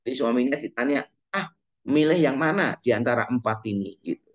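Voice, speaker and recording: A man's voice: medium pitch, animated, brisk, muffled recording. Joking man giving a parenting talk. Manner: jokey storytelling, acts out quoted parents and kids. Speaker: parenting webinar speaker.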